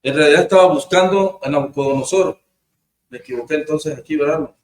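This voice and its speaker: Preacher in an echoing room. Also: male voice, fairly high pitch, a little fast, a little hiss or hum. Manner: conversational, acts out short quoted exchanges. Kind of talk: informal church preaching. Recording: roomy echo with faint ambience.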